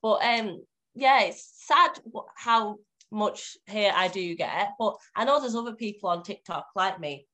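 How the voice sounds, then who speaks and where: A woman's voice: medium pitch, lively intonation, unhurried, pushed and bright, rough recording. A woman in her twenties with a Cumbrian accent, chatting casually and informally as an interview guest. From Cumbria, northwest England. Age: 20s. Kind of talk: casual chat.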